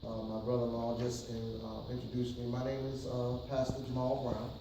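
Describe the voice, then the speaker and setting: Heard from far off in a reverberant hall with noisy surroundings, this man talks a little fast in a monotone at medium pitch. He's a pastor from New York City leading an informal church workshop, full of ums, hesitation, and frequent questions thrown to the room for the crowd to answer.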